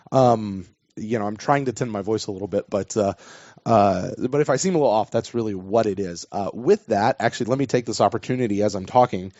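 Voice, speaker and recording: A man's voice: lowish voice, a little mellow, no echo. A man, hosting a casual sports podcast. His voice is a bit worn, and he rambles and restarts his sentences. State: losing his voice. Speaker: podcast host. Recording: dull dry podcast audio.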